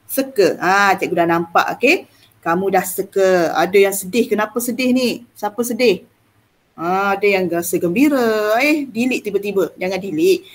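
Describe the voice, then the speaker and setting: A woman's voice: medium pitch, moderate pace. A woman teacher with a Malaysian accent, coaxing her students through an online lesson in a chatty way with many "ah" fillers.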